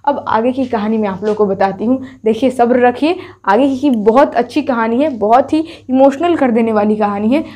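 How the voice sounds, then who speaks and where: Brief: woman teacher with a high, bright pitch, talking students through a story chapter, restating every point. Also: moderate pace, few pauses. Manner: repeats each point and asks herself rhetorical questions; addresses students directly, telling them to take screenshots. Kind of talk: explaining a story chapter in an online class.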